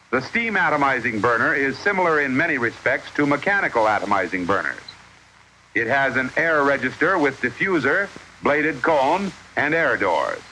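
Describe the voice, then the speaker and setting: Man, old newsreel narrator style, crisp formal instruction, forceful bright tone, lively intonation, noisy vintage film soundtrack. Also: medium pitch. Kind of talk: 1950s educational film scripted narration.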